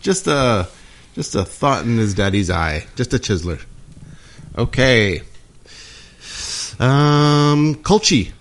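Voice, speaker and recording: A man co-hosting a casual podcast chat, halting with restarts and fillers, often laughing. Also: medium pitch, big pitch swings. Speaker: podcast co-host.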